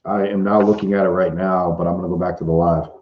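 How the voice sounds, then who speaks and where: A man hosting a casual live Q&A, reading viewer comments aloud with frequent halting restarts. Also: deep voice, level tone. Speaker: livestream host. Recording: roomy, dull lo-fi livestream audio.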